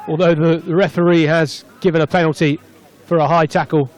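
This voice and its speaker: A man's voice: a little high, brisk. A man commentating live on a rugby tens match from the stand of an open stadium, chatty between plays and lifting when play breaks open. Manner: chatty, rising excitedly on breaks.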